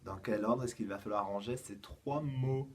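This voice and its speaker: A man with a French accent, a kindergarten teacher giving a slow, patient home-schooling lesson to young children. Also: mid-range voice, a little mellow, slight background noise.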